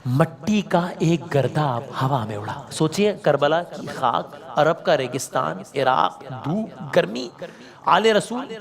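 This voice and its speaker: High-voiced man telling a devotional story. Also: expressive, vocal fry, a crowd in the background. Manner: dramatic, poses rhetorical questions, repeats key phrases. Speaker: religious storyteller and host. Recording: long reverb hall.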